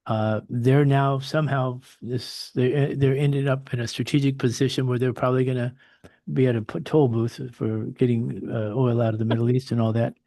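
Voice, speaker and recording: A man's voice: medium pitch, flat delivery, normal speed, warm tone, no echo, clean studio sound. A man hosting a podcast interview, asking his guest questions in an inquisitive manner. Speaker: host.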